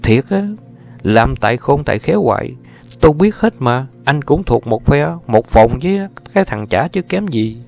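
A man putting on a shrill, furious young mother. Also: lively intonation, creaky, a little mellow. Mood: accusing. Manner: shrill scolding, rapid accusations. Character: angry distraught young mother, sharp-tongued. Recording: dull lo-fi recording.

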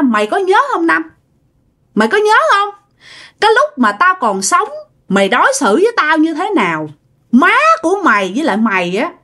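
A woman's voice: sits high, bright, forceful tone, heavily acted. A woman voicing the furious ghost of an old father who speaks through a possessed young woman, scolding shrilly in a spoken ghost story.

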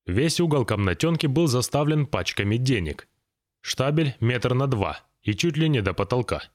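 A man narrating an audiobook in a measured, expressive reading. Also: mid-range voice.

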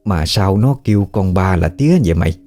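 Narrator as an elderly woman, querulous questions, low mellow tone. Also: lively intonation, brisk. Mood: puzzled. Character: elderly half-blind woman, puzzled.

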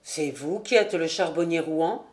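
A woman's voice: sits low, a little slow, pitched below the performer's own voice. A woman voicing a loyal, honest male squire in an audiobook, speaking earnestly and urgently. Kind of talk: audiobook character voice.

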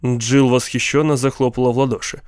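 A man's voice: medium pitch, little pitch movement, brisk, a little mellow, smooth, no echo. Male audiobook narrator, dry sound. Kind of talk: scripted narration.

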